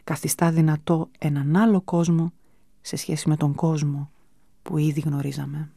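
Low, dark-voiced woman radio host. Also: flat delivery, creaky. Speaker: radio host presenting books. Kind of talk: scripted radio book review.

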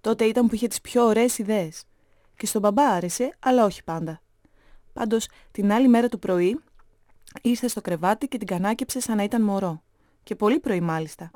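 A woman narrating a story in a steady, measured reading voice. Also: mid-range voice, no room sound, clean studio sound.

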